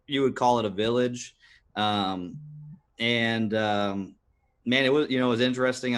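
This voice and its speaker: A man in his thirties, a podcast guest, telling his life story earnestly, with many fillers and restarts. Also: mid-range voice. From United States. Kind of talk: personal storytelling interview.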